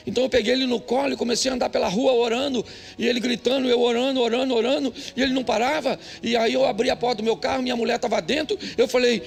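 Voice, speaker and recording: An older male pastor with a Brazilian Portuguese accent preaches a humorous sermon, telling jokey, emphatic stories punctuated by sudden high outbursts. His voice is gravelly, and faint music plays behind.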